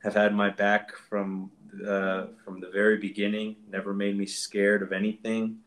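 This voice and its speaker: A man's voice: lowish voice, completely flat delivery, moderate pace. A man in his thirties from Central Florida, an actor talking as a guest in a casual, upbeat interview. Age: 30s. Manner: upbeat, chatty, laughs easily.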